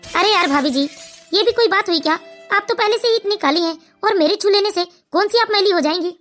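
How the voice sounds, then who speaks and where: A woman's voice: extremely high pitch, a little fast, a bit bright, soft background music. A woman voicing a smug, sleazy young son-in-law in a cartoon, with a mocking, scornful manner. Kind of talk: cartoon voice acting.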